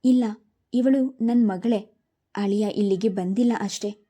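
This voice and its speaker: Woman narrator voicing a timid middle-aged mother, very dark mellow tone, storybook reading. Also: mid-range voice, measured pace, natural voice.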